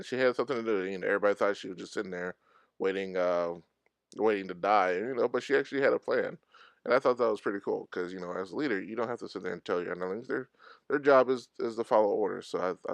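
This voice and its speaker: Deep-voiced rambling middle-aged man. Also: gravelly, a bit bright, clean tone, no echo. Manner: rambling, many fillers and restarts. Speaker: movie reviewer. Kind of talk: casual spoken film review.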